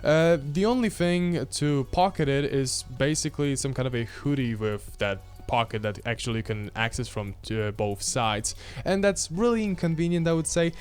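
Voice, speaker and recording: Speaking into a handheld mic near his chest in a small indoor space, a Polish-accented host in his twenties reviews a product with casual, wry asides. His mid-range voice is clean and lively at a moderate pace, with faint music behind him.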